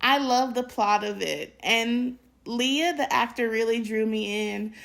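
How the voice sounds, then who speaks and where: A woman's voice: fairly high pitch, measured pace, gravelly, a bit bright. A woman co-hosting a casual movie review, giving emphatic, opinionated takes.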